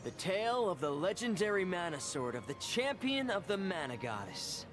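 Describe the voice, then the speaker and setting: An actor voicing a measured male storyteller who recounts a legend in a video game. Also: sits high, big pitch swings, a bit bright, faint music behind. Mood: storytelling.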